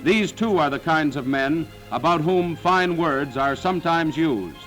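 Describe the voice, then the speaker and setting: A man's voice: fairly high pitch, animated, unhurried, a bit bright, faint music behind, poor audio. A man narrating a 1940s wartime newsreel in a dramatic, solemn, declaiming manner.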